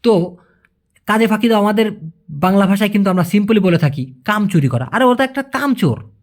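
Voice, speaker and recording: A man teaching a language lesson in a casual way, repeating phrases slowly and calling his viewers brother. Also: sits high, animated.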